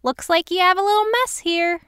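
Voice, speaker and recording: A woman voicing a nosy, obnoxious middle-aged woman neighbor in a spooky storybook, loud and overly familiar. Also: very high voice, steady tone, a little fast, no echo, studio quality, voice pushed up.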